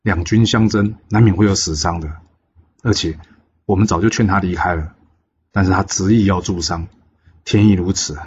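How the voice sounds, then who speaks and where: A man voicing an old male strategist from a legend, exclaiming anxiously in a low, husky voice. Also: moderate pace, lo-fi sound. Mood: explaining. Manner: exclaiming in alarm. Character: Jiang Ziya, elderly male strategist, anxious.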